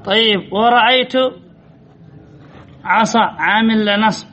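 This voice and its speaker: High-voiced male teacher quizzing a class. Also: bright, forceful tone, lo-fi sound. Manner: repetitive, quizzing the class with drawn-out words. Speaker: grammar teacher. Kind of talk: classroom lesson.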